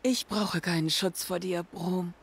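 A woman voicing a caring sister who speaks gently in a video game dub. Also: lowish voice, steady tone, unhurried, creaky, slightly rough, exaggerated voice. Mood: relieved.

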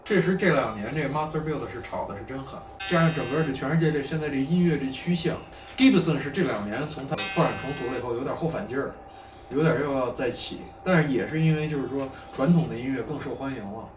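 Male guitarist, Beijing accent, casual fast talker, echoey off-mic recording with music behind. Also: medium pitch, recorded from a distance. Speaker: guitarist reviewing gear. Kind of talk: casual chat.

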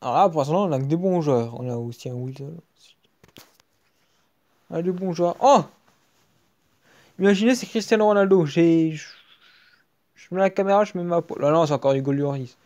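A man with a French accent commenting casually as he opens card packs in a video game, muttering between loud excited outbursts. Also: on the high side, moderate pace, pauses often, lo-fi sound. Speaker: gaming video creator. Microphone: screen-recording app mic.

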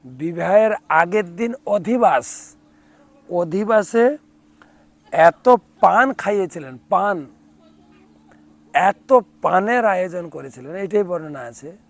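A man preaching a devotional sermon, his voice sitting high for a man. He takes his time and lingers over each scene of a sacred story as he tells it. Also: expressive, no room sound. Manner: unhurried, vivid retelling of a sacred tale; breaks into call-and-response chanting. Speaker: monk preacher.

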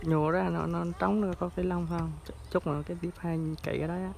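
A vlogger chatting casually, talking in halting bursts with many restarts. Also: mid-range voice, little pitch movement, gravelly. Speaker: vlogger filming hair plucking. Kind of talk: casual chat. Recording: noisy outdoor recording.

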